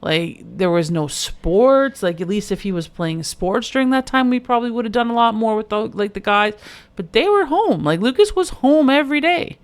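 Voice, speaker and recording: A middle-aged woman, co-hosting a podcast in casual, animated chat, full of "like". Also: on the high side, normal speed. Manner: chatty, fillers of "like", animated storytelling. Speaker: podcast co-host.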